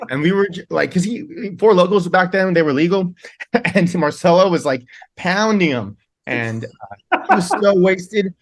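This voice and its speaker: A band's singer, appearing as a guest in a casual interview, tells long rambling tour stories in a high-pitched, expressive voice at normal speed. He laughs often and keeps restarting his sentences.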